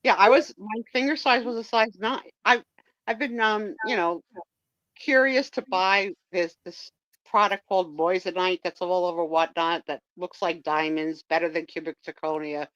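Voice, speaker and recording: A woman's voice: lowish voice, normal speed, fairly bright tone, no echo, muffled recording. A woman chatting casually on a live stream, telling a rambling personal story.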